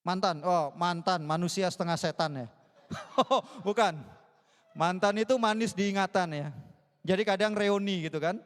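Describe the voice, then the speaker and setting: A young man with a high voice preaches a lively sermon, mixing jokes with questions he puts to the congregation. His voice rings through a church hall with a long echo. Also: measured pace. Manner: joking, asks the congregation questions. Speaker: youth mentor and preacher.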